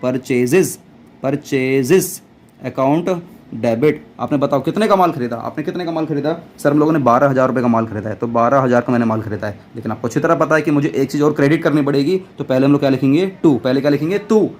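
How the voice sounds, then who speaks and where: A man teaching an accounts class, loud and playful, often answering his own questions in a student's voice. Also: medium pitch, fast, slight background noise. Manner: loud, almost shouting while teaching. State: dry throat. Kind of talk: classroom lecture.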